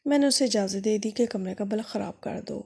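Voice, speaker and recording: Gravelly-voiced woman telling a story. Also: medium pitch, a little mellow. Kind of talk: first-person story narration.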